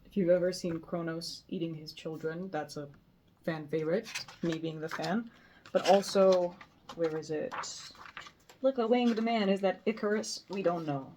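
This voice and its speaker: A woman's voice: fairly low pitch, normal speed, warm tone, a little hiss or hum. A young woman from Romania in a casual, rambling chat, self-deprecating and full of fillers. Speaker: book vlogger. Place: bedroom.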